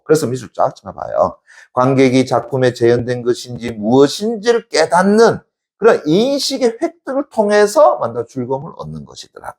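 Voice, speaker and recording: Animated call-and-response male teacher. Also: a little high. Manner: call-and-response, keeps asking "됐니?" and answering himself; emphatic, shouts out examples. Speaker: exam prep Korean teacher. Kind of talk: classroom lecture.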